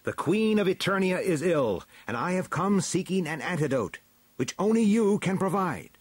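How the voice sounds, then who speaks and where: A man voicing a mighty, bold and righteous warrior hero in a storybook, speaking loudly and earnestly in declamatory fashion. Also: sits high, big pitch swings, normal speed, slightly rough, no room sound, voice pushed up, exaggerated voice. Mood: proud, urgent. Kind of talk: storybook character acting.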